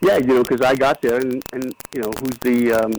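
An older American man from New York City, a retired basketball coach, reminisces as a guest in a telephone interview, casual, rambling and earnest. His mid-range, slightly mellow voice moves briskly with fairly even intonation over a noisy, clicking phone line.

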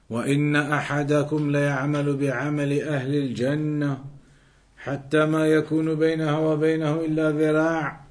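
A man whose voice is on the high side, with a darkish tone, teaches an earnest religious lesson to a live class. The Islamic teacher repeats key phrases, recites Arabic fluently, and quizzes his students, giving them time to answer.

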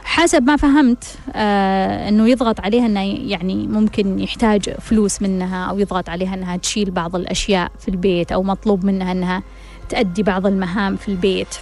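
Fast, blunt woman host. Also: mid-range voice, steady tone, a little mellow, faint music behind. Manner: blunt, full of rhetorical questions. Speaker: advice host answering listeners. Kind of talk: frank advice talk.

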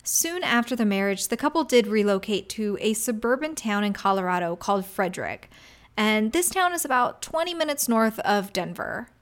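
A woman's voice: mid-range voice, animated, normal speed. A woman hosting a true crime podcast, narrating a scripted story in a conversational way as a true crime narrator.

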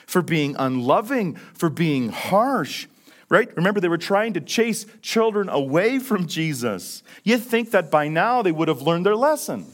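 A man preaching a sermon as pastor, swinging between loud emphasis and hushed questions, with many rhetorical questions. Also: sits high. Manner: repetitive rhetorical questions, frequent "right?".

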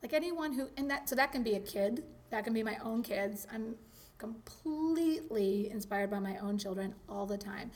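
A woman talking casually in an interview, chatty and animated, with lots of likes and ums. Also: on the high side, moderate pace. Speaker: interviewee, teacher.

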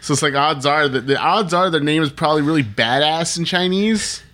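A man's voice: on the high side, fairly quick, bright, forceful tone. A man with an American accent co-hosting a podcast, chatting in a rambling, informal way. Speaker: podcast co-host. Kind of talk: casual chat about comic books.

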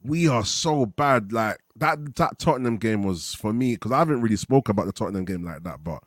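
A man's voice: lowish voice, animated, brisk, dry recording, studio quality. A young man with a London roadman accent, venting emphatically in slangy, casual football fan chat. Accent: London, urban street slang (roadman). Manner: slangy, emphatic venting with repeated tag questions.

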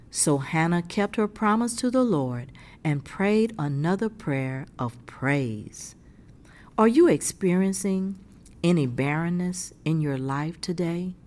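A woman's voice: deep voice, a little mellow. A woman giving a scripted devotional message in an earnest, encouraging way. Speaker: devotional speaker.

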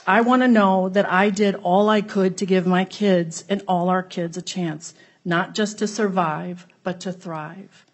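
A woman's voice: fairly low pitch, steady tone, unhurried. A woman, a parent, giving heartfelt public testimony.

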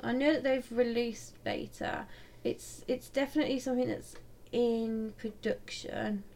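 A woman's voice: fairly high pitch, fairly even intonation, measured pace, a little mellow. A woman co-hosting a podcast, chatting casually in an informal, jokey way. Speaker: podcast co-host. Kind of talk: casual chat.

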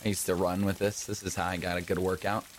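A man's voice: deep voice, little pitch movement, quick pace, slight background noise. A man playing a tabletop game, upbeat and encouraging, giving little pep talks in casual banter. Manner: upbeat, pep-talk cheerleading. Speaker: tabletop player.

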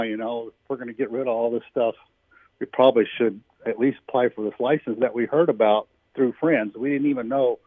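A man's voice: medium pitch, dry recording. Older man, plain chatty telling, dry phone-line sound. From Missouri. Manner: plain, conversational, frequent "uh" and "you know". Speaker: interviewee, army veteran. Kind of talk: recorded interview clip.

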